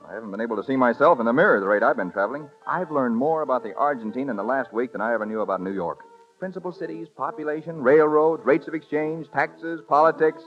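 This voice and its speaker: A man's voice: medium pitch, quick pace, lightly acted. An actor playing an eager, boyish young man with breezy slangy talk, in vintage radio drama style, on a dull old broadcast recording with faint music. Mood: excited. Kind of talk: 1930s radio drama acting.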